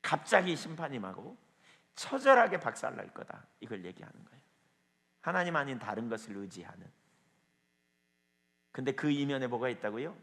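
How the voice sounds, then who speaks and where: A man's voice: medium pitch, a bit bright. A male pastor delivers an evening sermon in an ordinary mid-range voice. He preaches emphatically and keeps challenging his small congregation with rhetorical questions. His voice trails into a long hall reverb. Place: church, evening prayer meeting with a small audience.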